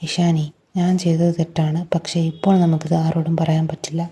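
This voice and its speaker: Lady reading as a cold controlling young guy, audio story, flat and calm, dark mellow voice. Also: sits low, a little fast, slightly rough. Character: cold, scheming young man, calmly manipulative.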